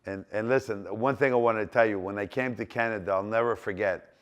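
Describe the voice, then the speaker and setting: A man's voice: on the low side, steady tone, fairly quick, smooth. Greek-accented man in his sixties reminiscing. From Greece. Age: 60s. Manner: rambling, repeats himself, many fillers and restarts. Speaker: business owner telling his life story. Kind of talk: casual personal storytelling.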